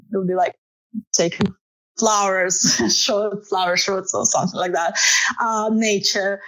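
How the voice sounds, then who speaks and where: Laughing frequently and filling her answers with many fillers, a Russian-accented woman photographer speaks casually as an interview guest. Her voice is mid-range and the recording quality is low.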